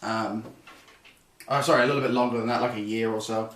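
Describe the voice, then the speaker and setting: A young man builds a computer while chatting casually with his stream viewers, rambling and correcting himself along the way. His voice sits on the low side, a bit bright and a little fast, with fairly even intonation. The recording sounds roomy and slightly distant, with faint noise.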